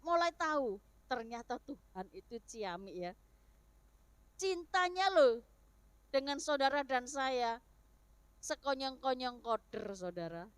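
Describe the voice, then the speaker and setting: Animated East Javanese woman preaching. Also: sits high, dry recording. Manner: animated, rhetorical, addresses listeners as "saudara". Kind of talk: sermon.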